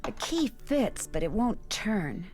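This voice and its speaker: A woman's voice: medium pitch, sing-song, takes it slowly, a little mellow, faint music behind. An actress playing a young female detective who is polite and curious, in a video game.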